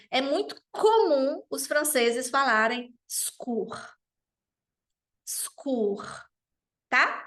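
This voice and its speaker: A woman teaching a French pronunciation lesson, saying each word carefully and repeating it. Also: on the high side.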